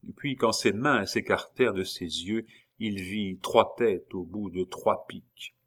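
A man narrates a historical novel in a measured, dramatic reading. His voice sits on the low side and he paces the sentences with care. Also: a bit bright. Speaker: audiobook narrator. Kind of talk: scripted narration.

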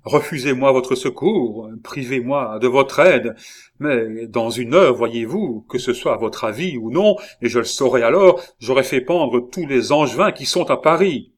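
A man's voice: medium pitch, animated, a little slow. A man doing a hot-headed young king. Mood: furious. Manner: insistent, loud and pleading. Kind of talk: dramatized audiobook reading.

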